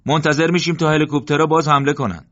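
A man's voice: a little high, fairly even intonation, a bit bright, highs cut off, pitched above the performer's own voice, natural voice. A man voicing a wounded wartime commander who is wry and stubborn, speaking in a raised, emphatic voice.

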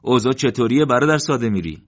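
A man's voice: mid-range voice, lively intonation, dull audio, pitched above the performer's own voice, natural voice. A man voicing an injured, weary soldier in pain, speaking in a strained, pleading way. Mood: questioning.

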